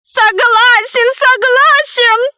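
A woman's voice: high-pitched, expressive, slow pace, bright, forceful tone, dry recording, clean studio sound, voice pushed up, heavily acted. A woman voicing a frightened male pygmy traitor who pleads and wails for mercy in a storybook reading. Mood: begging. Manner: pleading, wailing.

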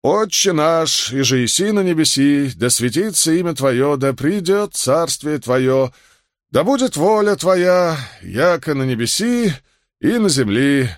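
A man's voice: fairly high pitch, sing-song, a little slow, dry recording, clean studio sound, voice pushed up. A man reading an audiobook, voicing a frightened, guilt-ridden older doctor who talks in a trembling, pleading way. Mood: strained.

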